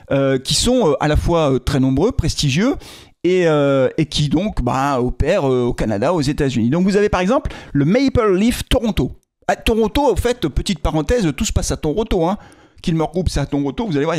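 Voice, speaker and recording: Animated, chatty French commentator man. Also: a little high, no echo, studio quality. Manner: chatty and joking, addresses viewers directly; frequent fillers and restarts. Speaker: football club video commentator. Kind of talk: casual explanatory video commentary.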